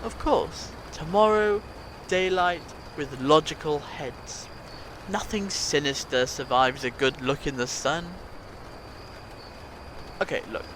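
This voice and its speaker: A man's voice: fairly high pitch, lively intonation, slow, long pauses, fairly bright tone, a little hiss or hum. A man playing a witty, reassuring alien time traveller in a fan audio drama, theatrical and wry. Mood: calm, reassuring. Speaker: amateur audio drama actor.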